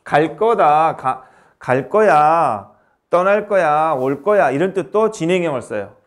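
A man teaching an English grammar lesson, brisk and quizzing his student as he goes. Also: on the high side, expressive.

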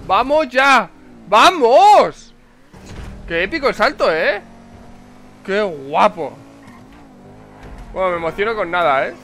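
A man from Spain commentating his own racing game live, excitable and swearing, repeating words in rapid bursts. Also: sits high. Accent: Spain Spanish. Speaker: gameplay commentator. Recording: faint game noise behind.

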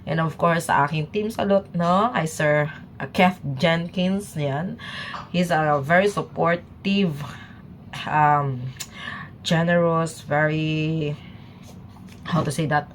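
Low-voiced Filipina reaction vlogger. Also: female voice, steady tone, slow pace, slight background noise. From Philippines. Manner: chatty, switches between Tagalog and English, laughs often. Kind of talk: casual reaction chat.

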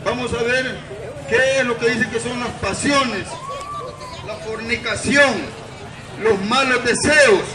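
Heard from afar on a camera, a high-voiced Salvadoran preacher keeps a fairly even intonation while expounding scripture in short, deliberate, declamatory phrases. The setting is an outdoor gazebo in a town's public square. The distant, echoing recording is cluttered with traffic and the crowd.

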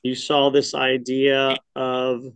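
Over a webcam in his bookshelf-filled home study, a middle-aged man leads an adult history class by video call, thinking out loud, self-correcting, and quizzing the group. His medium-pitched voice is monotone and slow, a bit bright, clear and resonant, in a dry recording.

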